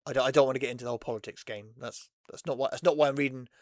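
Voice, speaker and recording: A man's voice: medium pitch, steady tone, racing, no room sound, studio quality. A man hosting a casual chat, rambling and laughing often between thoughts. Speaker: host.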